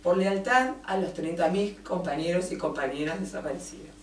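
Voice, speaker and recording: Woman, Argentine accent, impassioned book talk, emphatic, lowish voice, echoey room. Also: moderate pace. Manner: impassioned, emphatic, builds long lists. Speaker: author presenting her book. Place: event room in a café. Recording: roomy, distant mic, faint noise.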